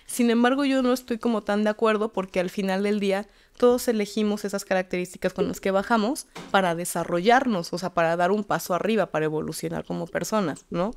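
A woman with a Mexican accent, a tarot reader guest telling animated anecdotes in casual conversation. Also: mid-range voice, fast, few pauses, clean tone. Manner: animated anecdotes with acted-out quotes.

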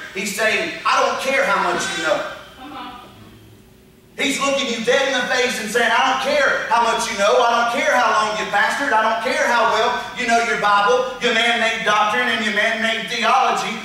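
Sharp-toned and high-pitched, a middle-aged male pastor delivers an emphatic sermon, building long rhetorical lists of repeated phrases. He holds a handheld mic on a dark stage with a projection screen, and a far-off camera captures the echoey sound of the church hall from a distance.

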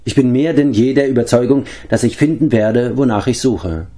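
A man's voice: mid-range voice, moderate pace, warm tone, voice pushed up, close to an everyday voice. A man voicing an earnest young male hero, a humble pig-keeper, in a storybook reading. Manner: earnest, hopeful.

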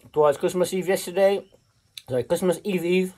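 A man hosting his own channel, chatting casually and telling stories with lively pitch jumps while eating. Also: normal speed. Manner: animated storyteller with sudden pitch jumps. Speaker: channel host.

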